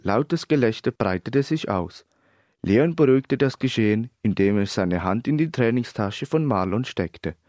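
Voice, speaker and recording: Male storybook narrator, mid-pitched, steady, dry close mic. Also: unhurried, no echo. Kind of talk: storybook reading.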